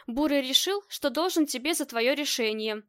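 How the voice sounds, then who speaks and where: A woman's voice: high-pitched, lively intonation, moderate pace, pushed and bright, no room sound, clean studio sound. A woman voicing a tender, playful grown husband in an audiobook, speaking lovingly to his wife. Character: affectionate teasing husband, grown man.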